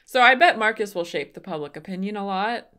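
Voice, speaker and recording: Young female gaming co-host, very lively intonation, casual reactive chat. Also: medium pitch, brisk, clean tone.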